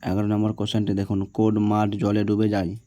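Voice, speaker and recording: A man with a low, mellow voice goes through exam answers question by question. He reads each question, gives the answer, and keeps asking whether it is clear. His tone stays flat and even, and the sound is dry and close. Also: fairly quick. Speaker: teacher.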